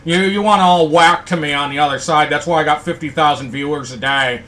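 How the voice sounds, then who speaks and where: A man mocking a vain, boastful woman, loud. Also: fairly high pitch, fairly quick.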